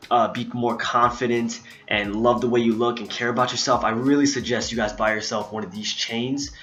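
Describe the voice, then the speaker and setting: A young vlogger talks fast and casually to camera from a room at home, picked up by his laptop's built-in mic. His medium-pitched voice is fairly bright, and he sounds slightly out of breath as he rambles along, chatty and full of fillers.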